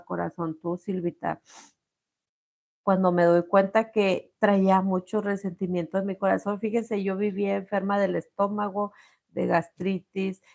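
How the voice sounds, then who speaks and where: A middle-aged Mexican woman shares a heartfelt, emotional personal testimony as a host, calling her viewers "corazón." Her voice is mid-range and a little mellow.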